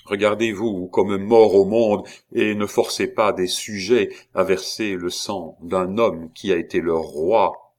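A cold, commanding duke speaking in a low, measured voice, as a man reads him. He gives his orders curtly, without warmth. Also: fairly even intonation. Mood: stern.

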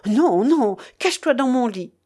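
A woman's voice: a little high, lively intonation, unhurried, dark tone, husky, pitched above the performer's own voice. A woman voicing a young heroine, tender and emotional, speaking in a raised, pleading way.

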